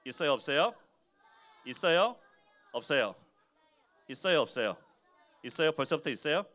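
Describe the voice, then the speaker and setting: A male pastor leads a children's worship sermon, his voice swinging widely up and down in pitch. He talks in an animated way, keeps firing questions at the kids, and acts out other people's lines in quick little voices. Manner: acts out quoted speech in short voices. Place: church worship service for children.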